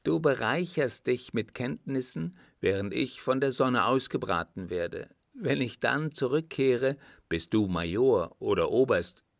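A man's voice: fairly low pitch, measured pace, gravelly, no echo, studio quality. A man reading a wry young officer. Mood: ironic. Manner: ironic, teasing. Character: young male officer, dryly joking adventurer. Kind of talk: audiobook dialogue reading.

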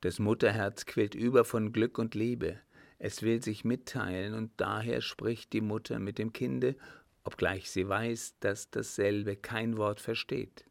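A man voicing a calm, composed servant and former soldier who answers with quiet mockery in an audiobook reading. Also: lowish voice, a little slow, creaky, no echo. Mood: cool mocking. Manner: calm, composed, faintly mocking. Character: cool-headed male ex-soldier servant, calm and mocking.

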